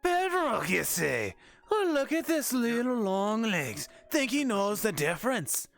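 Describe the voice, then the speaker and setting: Man playing a scornful dwarf miner, male, taunting, pitched up high, slow drawl. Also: sing-song, gravelly, fairly bright tone, soft background music, exaggerated voice. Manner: mocking, taunting.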